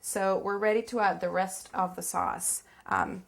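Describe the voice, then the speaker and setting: Cooking in a small kitchen at home, a Venezuelan woman in her thirties from Caracas walks through a recipe step by step, informally and in her native accent. Her mid-range voice is creaky, her intonation fairly even, and her pace a little slow.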